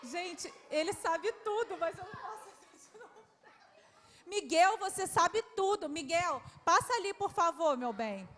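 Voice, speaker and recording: A woman's voice: very high voice, lively intonation, a little slow, fairly bright tone. A Brazilian woman, a historian, running an affectionate quiz for schoolchildren in a large hall and coaxing them with endearments. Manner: affectionate, coaxing, calls children "my love". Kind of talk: lively quiz with children at a public event. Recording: reverberant hall, faint background noise.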